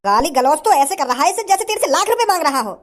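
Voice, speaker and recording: A man's voice: extremely high pitch, big pitch swings, fast, exaggerated voice. An actor playing a rich, generous young man who lectures a stingy shopkeeper in a comedy sketch. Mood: lecturing. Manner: forceful, lecturing.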